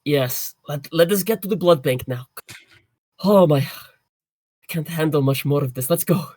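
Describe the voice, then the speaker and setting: A tabletop game player chatting casually, animated and laughing, sometimes slipping into character. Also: medium pitch, unhurried, no echo. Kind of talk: casual tabletop role-play.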